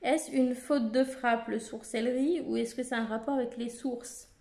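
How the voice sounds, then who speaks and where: Woman, fairly high voice, casual oracle-deck presenter, halting and unpolished, reads lists aloud. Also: steady tone, a little mellow. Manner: reads keyword lists, many hesitations. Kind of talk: casual card deck walkthrough.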